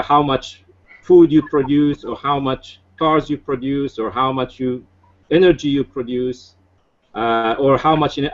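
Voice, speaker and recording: A man in his forties from Iraq, speaking English, giving an earnest, measured lecture as a guest speaker. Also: mid-range voice, highs cut off. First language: Arabic. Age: 40s. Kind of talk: lecture-style political presentation.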